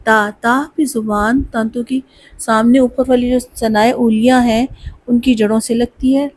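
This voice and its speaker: A woman teaching a Quran pronunciation lesson, explaining where each sound is made and then chanting the syllables slowly and deliberately. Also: fairly high pitch, fairly even intonation, a little mellow, a little hiss or hum, poor audio. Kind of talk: Tajweed lesson, slow drill recitation.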